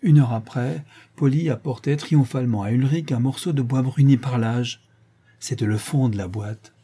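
A man reading a storybook aloud as a narrator, measured and expressive. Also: mid-range voice, husky. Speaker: audiobook narrator. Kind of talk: scripted narration.

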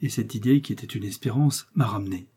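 A man reading aloud, voicing a serious, jealous count who explains himself in measured tones. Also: lowish voice, warm tone, breathy edge. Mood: earnest. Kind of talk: audiobook reading.

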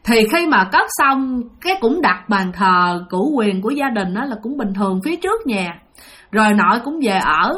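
Phụ nữ giọng miền Nam kể chuyện ma. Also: female voice, mid-range voice, very animated, moderate pace, fairly bright tone. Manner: chatty, addresses listeners directly, lots of fillers. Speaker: storyteller. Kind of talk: casual spoken ghost-story telling.

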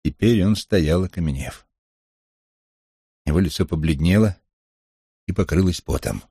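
A man narrating a first-person novel in a steady, grim storytelling manner. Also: low-pitched, unhurried, husky, no room sound, studio quality. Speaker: audiobook narrator.

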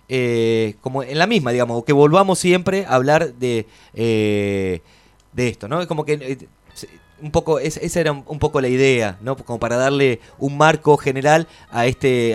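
Argentine male guest, somewhat high voice, hesitant and reflective. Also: clear, resonant tone. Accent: Argentine Spanish. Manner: halting, many restarts and fillers, thoughtful. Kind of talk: radio conversation.

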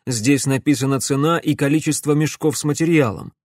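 A man's voice: fairly high pitch, a little fast, dry recording, studio quality, close to an everyday voice. A man voicing a determined male police chief laying out evidence in an audiobook. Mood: firm.

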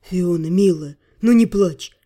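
A woman reading an audiobook voices a young nobleman count who speaks low, soft and pleading. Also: fairly even intonation, normal speed, smooth, lightly acted. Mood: tender. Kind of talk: audiobook character voice.

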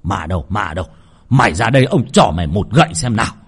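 A man voicing a bold, cranky old village man who blusters gruffly. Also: fairly low pitch, expressive, quick pace. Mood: blustering.

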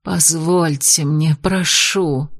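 A woman's voice: low-pitched, takes it slowly. A woman voicing a sultry, cold-hearted witch who speaks in a languid, purring way. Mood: seductive.

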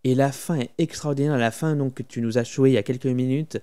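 A man's voice: mid-range voice, fairly even intonation, fast talker, dark tone, clear, resonant tone. A man co-hosting a casual podcast about film music, talking with enthusiasm and humming tunes now and then. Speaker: podcast co-host.

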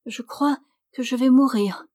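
A woman's voice: a little high, unhurried, darkish tone, dry recording, lightly acted. A woman voicing a scheming young maidservant who feigns a plaintive sickness and keeps insisting. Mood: feigned sickly.

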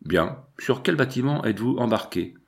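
A man reading a novel aloud as a narrator, with measured storytelling that lifts in pitch and volume for quoted speech. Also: expressive, gravelly. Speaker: audiobook reader. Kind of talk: scripted narration.

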